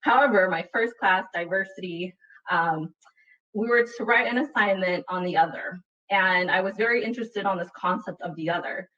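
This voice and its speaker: A woman's voice: on the low side, normal speed, a bit bright. A woman from Utah, a panelist telling a personal story in a webinar, earnest and reflective, often checking in with "right?". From Utah, USA. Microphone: video call computer mic. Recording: dull, distant webinar audio.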